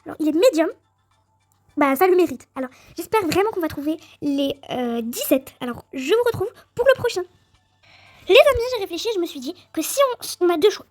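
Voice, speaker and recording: High-voiced, chatty woman doing game commentary. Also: brisk, dry recording, faint music behind. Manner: chatty and excitable, addressing viewers directly. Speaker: gaming video creator. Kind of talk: let's-play game commentary.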